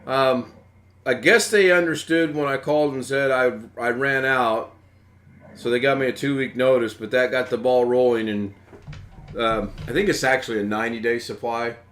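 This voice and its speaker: A man's voice: medium pitch, fairly even intonation, normal speed, a bit bright. A man from the United States hosting a live stream in rambling, casual chat, chuckling as he goes.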